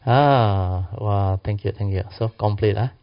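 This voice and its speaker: A Buddhist teacher with a Malaysian or Singaporean accent teaches a class informally in colloquial slang English, using clipped phrases and tag particles. His voice is fairly low and his pace unhurried. The audio is muffled, dull, and lo-fi.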